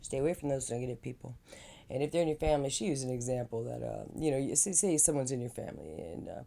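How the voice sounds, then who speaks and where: Gravelly, deep-voiced woman vlogging casually. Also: animated, fast, mellow, a little hiss or hum. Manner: rambling and slangy, says man and dude; chatty with frequent fillers and laughs. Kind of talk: casual self-help vlog talk.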